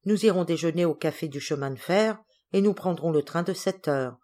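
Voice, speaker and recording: A woman voicing a stern middle-aged uncle who speaks in a curt, measured way in a storybook reading. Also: lowish voice, mellow, natural voice.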